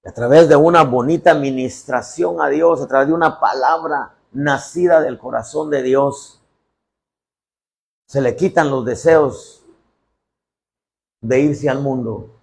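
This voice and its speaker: A man preaching a sermon as pastor, acting out dialogues and bursting into shouts. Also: medium pitch, measured pace, gravelly, pauses often.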